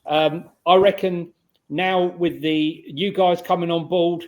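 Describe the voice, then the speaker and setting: A man with a fairly high voice talks casually as one of the panel on a football fan show. His delivery is conversational. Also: steady tone, takes it slowly. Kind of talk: casual chat.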